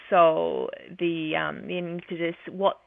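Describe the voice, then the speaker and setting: A woman's voice: lowish voice, flat delivery, unhurried, creaky, narrow, tinny audio, slight background noise. A woman casually telling the story of giving birth, chatty, with frequent laughs and restarts. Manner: chatty, laughs often, many fillers and restarts. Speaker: guest sharing a birth story.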